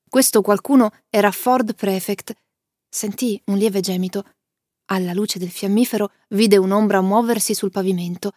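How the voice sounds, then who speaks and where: A woman narrating and summarising a story with clear, lively storytelling and asides to the listener. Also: mid-range voice, dry recording, studio quality.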